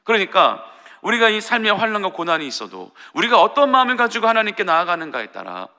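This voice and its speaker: Pastor, male, earnest dawn-service sermon, high and very bright voice, long church reverb. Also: huge pitch swings, quick pace. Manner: earnest, pleading preaching with acted parent voices. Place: church sanctuary.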